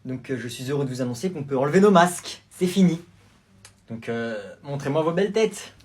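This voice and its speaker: A man's voice: a little high, lively intonation, fairly quick, a little mellow. Playful man acting out comedy sketches. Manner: playful, shifting between characters.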